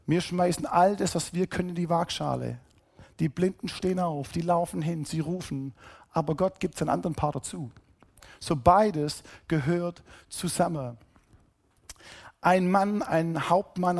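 A man preaching a sermon, emphatic, rising to loud calls and then dropping low and quiet. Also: gravelly, husky. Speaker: pastor.

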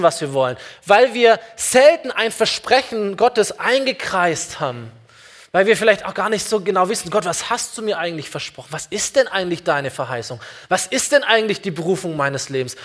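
A man preaching a sermon, earnest, asking the congregation many direct questions. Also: high-pitched. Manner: addresses listeners directly and warmly. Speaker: pastor.

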